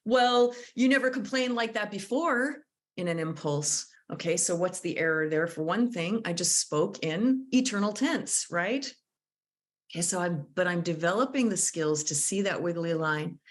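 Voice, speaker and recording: Thoughtful woman trainer on a video call. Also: lowish voice. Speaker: conflict mediation trainer. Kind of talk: live online workshop talk.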